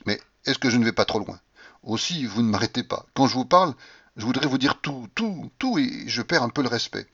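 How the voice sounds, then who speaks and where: Guy reading an old novel out loud, all worked up and intense, dry muffled audio. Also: mid-range voice, brisk, husky, no echo. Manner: impassioned, feverish first-person delivery. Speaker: audiobook reader. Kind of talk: dramatic reading of a classic novel.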